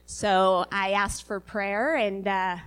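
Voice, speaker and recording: A woman giving an earnest church sermon, a little sniffly from a recent virus and halting at times with fillers. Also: mid-range voice, steady tone, fairly bright tone, clean tone. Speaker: lay preacher.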